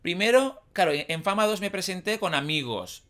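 A young man with a Valencian accent tells a story on a podcast in a chatty, slangy way. His voice sits a little high and rings bright and forceful, and he sounds like someone whose first language is Valencian. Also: moderate pace. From Valencia region, Spain. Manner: lively, chatty anecdote-telling with slangy fillers. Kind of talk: casual chat, storytelling.

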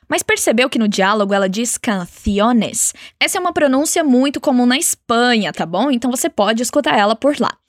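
A woman teaching a language lesson, encouraging and clear, slowing down to model phrases for the listener to repeat. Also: on the high side, no room sound, studio quality. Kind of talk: spoken language lesson with repeat-after-me drills.

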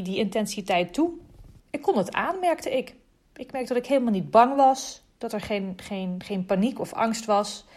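A young woman calmly telling the story of giving birth, in a reflective, soft-spoken way. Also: mid-range voice. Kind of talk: casual personal storytelling.

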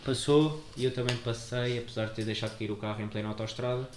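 A young man with a European Portuguese accent, chatting casually on a podcast and telling animated stories, acting out other people's voices. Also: mid-range voice, fast talker, a crowd in the background. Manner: animated storyteller, acts out voices. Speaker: podcast co-host. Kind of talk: casual chat. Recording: echoey room with faint noise.

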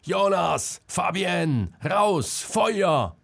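A man voicing an alarmed man who shouts warnings about a fire. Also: medium pitch, lively intonation, moderate pace, pitched above the performer's own voice, lightly acted.

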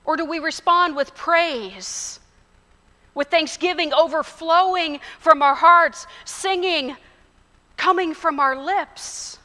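Woman pastor, sermon, bright high voice, unhurried and earnest, long church reverb. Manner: measured, earnest, storytelling. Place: church sanctuary.

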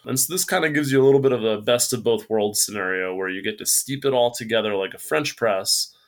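A man's voice: lowish voice, fairly quick. Easygoing man explaining coffee on a podcast. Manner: easygoing, explains things plainly. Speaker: guest, coffee roaster. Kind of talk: casual podcast chat.

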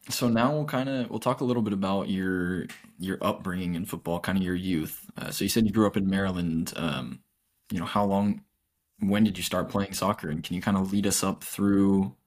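Deep-voiced hesitant male podcast host. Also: fairly even intonation, moderate pace, a little mellow. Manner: hesitant, restarts phrases, many fillers. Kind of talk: casual interview questions.

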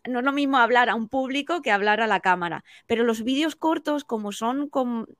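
Woman, higher voice, dry close sound; animated teacher giving advice as a podcast guest. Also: dry recording. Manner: animated, explaining with quick examples. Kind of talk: casual podcast conversation.

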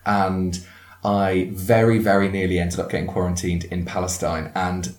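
A man's voice: deep voice, little pitch movement, normal speed. A man in his twenties co-hosting a casual chat, teasing and laughing often. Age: 20s. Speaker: podcast co-host. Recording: echoey room.

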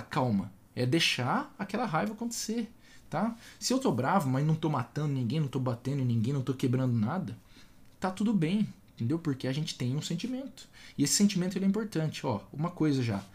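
A man's voice: fairly high pitch, darkish tone. A man giving a casual spoken lesson on communication, talking straight to the listener and acting out short example dialogues. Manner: conversational, direct address with frequent "tá?" and "entendeu?". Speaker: communication coach.

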